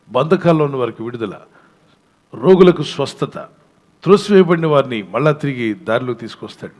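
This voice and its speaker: A pastor preaching a sermon and leading prayer, swinging between soft and emphatic passages. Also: male voice, mid-range voice.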